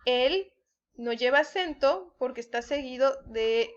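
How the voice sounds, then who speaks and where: A woman's voice: high-pitched, expressive, unhurried. A woman teaching spelling rules to students, patiently checking in and acting out example sentences. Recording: dull lo-fi recording.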